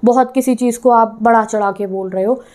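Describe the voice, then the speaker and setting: A woman teaching a class in a fairly high, warm and mellow voice. She slips English terms into her explanations and keeps asking her students questions. She checks again and again that they are keeping up. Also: fairly even intonation, a little fast. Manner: keeps checking in with "theek hai".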